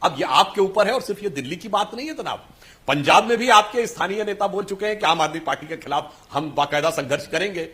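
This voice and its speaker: A man's voice: high voice, lively intonation, fast, sharp tone. Man arguing with rhetorical flourishes. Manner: rhetorical, acts out quotes with wordplay. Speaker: party spokesperson in TV debate. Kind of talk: TV debate argument.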